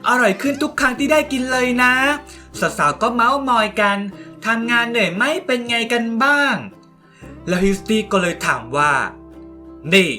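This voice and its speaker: A woman's voice: fairly high pitch, normal speed, faint music behind. A woman casually retelling a game story and chatting with her viewers. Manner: animated, chatty, addresses viewers.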